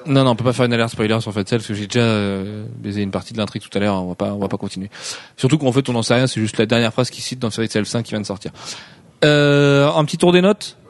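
A man's voice: on the low side, fast talker. A man hosting a casual chat about a film, hesitant with many restarts.

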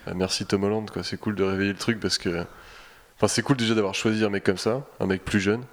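Man, quick pace, fairly low pitch, casual film chat, informal halting delivery. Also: fairly even intonation.

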